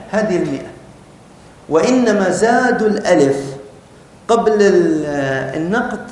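A man's voice: high voice, a little mellow. A man teaching a class in a lecture, explaining rules step by step and asking the students questions. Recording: very echoey room with faint noise.

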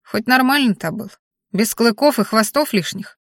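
A woman reading an audiobook, voicing a gruff, blunt elderly grandmother who grumbles and scolds in earthy terms. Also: fairly high pitch, moderate pace, a bit bright, dry recording, studio quality. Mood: grumbling. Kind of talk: audiobook character voice.

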